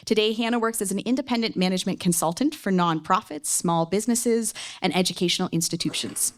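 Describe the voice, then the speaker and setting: A woman's voice: medium pitch, fast. Informal woman moderator with a Newfoundland accent. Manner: informal, self-deprecating, joking. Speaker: debate moderator. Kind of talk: event welcome and introductions at a podium. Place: public event room, speaking at a podium to an audience.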